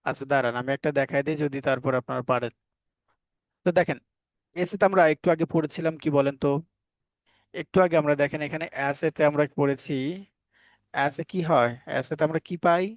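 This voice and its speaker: A man's voice: a little high, fairly quick, pauses often, no room sound. A man teaching a phonics class, spelling words out sound by sound and putting questions to the learners before answering them himself. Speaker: English teacher. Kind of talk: phonics lesson for Bengali learners.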